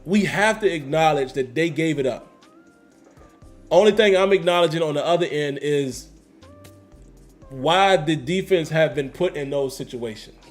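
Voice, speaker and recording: Brief: male stream host, casual sports talk, emphatic and repetitive, slightly higher voice, faint music bed. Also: normal speed, pauses often. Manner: emphatic, repeats phrases, slangy. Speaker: host reading live chat. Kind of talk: casual livestream commentary.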